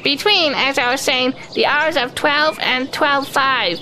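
Woman voicing Piglet, a high, anxious little pig. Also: measured pace, bright, forceful tone, a little hiss or hum. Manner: hesitant, stammering, making nervous excuses. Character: timid small young male piglet, anxious and excitable. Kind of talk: children's storybook audio drama.

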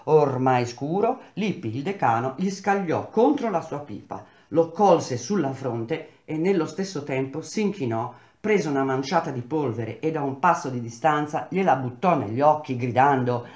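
A man reading a novel aloud in a measured, expressive storytelling manner. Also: fairly high pitch, roomy sound. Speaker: reader of a novel.

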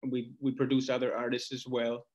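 In a muffled recording, a singer-songwriter from Buenos Aires, Argentina, talks casually as an interview guest. His medium-pitched voice is monotone and darkish at a moderate pace, and he speaks informally in stories, frequently using "like" and "you know".

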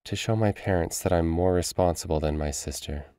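A man's voice: sits low, a little fast, mellow, clear, resonant tone, no echo, studio quality, lightly acted. A man reading the part of a nervous, clumsy young woman learning magic, earnest and hesitant.

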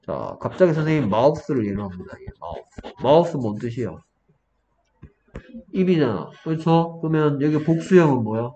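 A man teaching an English vocabulary lesson to a student in a small room, explaining step by step and quizzing with quick questions. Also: a little high, animated, mellow. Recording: dull lo-fi room recording, faint noise.

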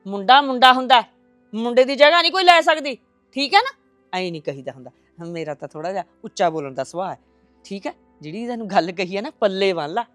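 An actress playing a stubborn mother-in-law who wants a grandson, with a loud scolding Punjabi way of talking. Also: medium pitch, expressive, fast, dry recording, soft background music, close to an everyday voice. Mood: coaxing. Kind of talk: village family drama acting.

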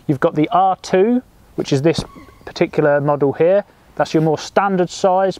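A young man presenting fishing gear outdoors, explaining its features in a steady, scripted way. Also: a little high. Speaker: product presenter. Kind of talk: scripted product demo. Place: outdoors by a lake among trees.

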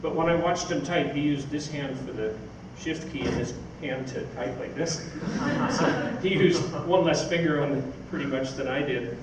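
His voice is a little high and moderately paced. The older man is a science fiction writer on stage in an event hall, giving a casual, rambling talk with anecdotes and answering audience questions, recorded from afar by a camera mic in an echoey, noisy space.

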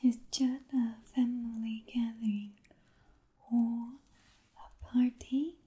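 A young woman playing a gentle Vietnamese princess in a whispered role-play, speaking in a soft, breathy whisper with a Vietnamese accent and short, soothing, attentive phrases. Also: on the high side, level tone, takes it slowly. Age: young adult.

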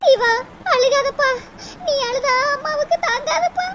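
A woman's voice: extremely high pitch, measured pace. A woman voicing an anxious middle-aged mother in a cartoon, pleading and scolding her son. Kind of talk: cartoon voice acting. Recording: loud background noise.

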